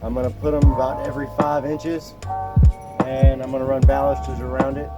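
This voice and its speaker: A man's voice: mid-range voice, flat delivery, brisk, loud music behind the voice. A man gives a casual, folksy, easygoing project walkthrough as a handyman vlogger, slurring slightly and whistling on his s sounds because of dentures.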